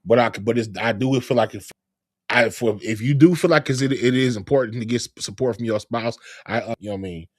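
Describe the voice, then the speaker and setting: A middle-aged man, a comedian hosting a live talk show, talking in a relaxed, rambling way. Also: mid-range voice, fast, dry recording, studio quality. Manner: relaxed, rambling, lots of fillers. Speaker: podcast host, comedian. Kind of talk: casual chat.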